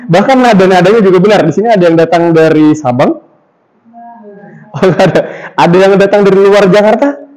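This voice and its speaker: A young man with a high, light voice teaches a room of students about public speaking. He talks in a lively way, keeps quizzing the class, and shows how to recite in a flat, even tone. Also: fairly quick, long pauses, rough recording. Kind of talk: classroom lesson.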